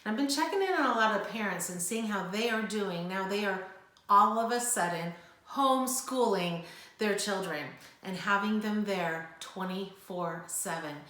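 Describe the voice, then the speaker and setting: A woman's voice: medium pitch, normal speed, bright, forceful tone. An older woman who owns a preschool, giving earnest, reassuring parenting advice and sometimes acting out a child's whine. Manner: earnest, reassuring, acts out whiny child voices. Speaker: preschool owner. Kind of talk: parenting advice talk to camera. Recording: echoey room.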